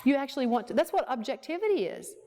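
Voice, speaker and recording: A woman therapist with a high, dark-toned voice talks fast with big pitch swings while presenting a workshop at a ranch. Her lecture is conversational and woven with personal anecdotes from her practice, and she acts out the quoted dialogue as she tells them.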